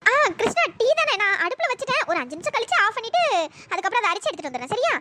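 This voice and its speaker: A woman voicing a sharp-tongued, teasing young wife in a cartoon. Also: very animated, very fast. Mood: puzzled. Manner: teasing, snappy. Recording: pitch-shifted cartoon voice with background noise.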